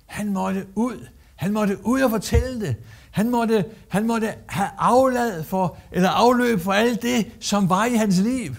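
A man's voice: sits high, creaky. A man preaching a sermon as a guest speaker, emphatic, repeating phrases and acting out quotes.

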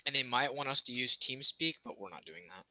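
A man in a casual gaming chat who fires off quick, bossy remarks full of fillers. His voice sits at an ordinary pitch. A steady hiss of noise and mouse clicks sits under everything he says. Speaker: gamer. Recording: noisy mic with clicking.

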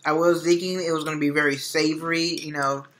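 Bright-voiced young man chatting at home. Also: on the high side, little pitch movement, quick pace, slight background noise. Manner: rambling, repeats words while thinking. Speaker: vlog co-host. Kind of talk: casual chat. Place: home kitchen.

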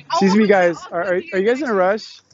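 A young man live-streaming outdoors on a college campus from a selfie stick, excitable and slangy, laughing often and swearing, out of breath and sweaty after push-ups. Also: high voice, a little fast, muffled recording, slight background noise. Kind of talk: casual live-stream chat. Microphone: selfie stick tripod.

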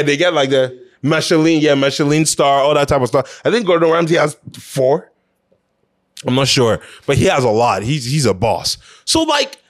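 This man's voice is a little high as he hosts an opinion show, chatting casually and conversationally. He makes his points emphatically, driving them home by repeating phrases.

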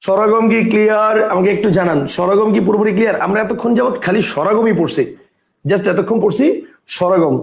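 Man, grammar teacher, gravelly voice, echoey room. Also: high voice, quick pace. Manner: repeats key terms, asks students if clear; mixes English phrases into speech. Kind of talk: online exam-prep lesson.

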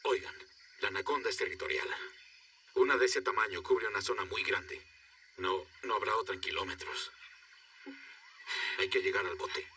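A seasoned jungle guide who keeps the group calm. His voice sits fairly low, sounds very bright and moves in a lively way. It seems set back from the mic. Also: moderate pace, long pauses, distant mic. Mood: explaining. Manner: steady, authoritative, explaining. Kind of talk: dubbed film dialogue.

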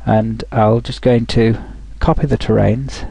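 A man talking through a software tutorial over a screen recording, thinking aloud with frequent restarts. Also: medium pitch, steady tone, unhurried, creaky, breathy edge, no echo, poor audio.

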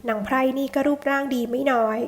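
Spiteful palace consort, sneering and mocking, as a woman reader voices her; high voice. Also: steady tone, fast talker, natural voice. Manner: mocking and scornful.

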